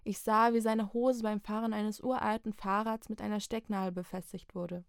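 A woman narrating a first-person story in a measured, reflective reading voice. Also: medium pitch, level tone, gravelly, smooth, no echo, clean studio sound. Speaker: audiobook narrator.

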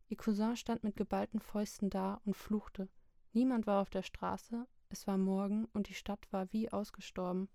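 A woman narrating a literary book chapter in a slow, measured, even reading. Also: mid-range voice, no room sound, clean studio sound. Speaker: audiobook narrator.

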